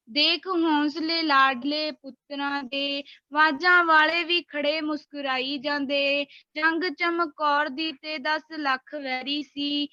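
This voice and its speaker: A woman's voice: high voice, pushed and bright, no echo, lo-fi sound. A woman reciting verse in a declamatory style. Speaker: student reciting poetry.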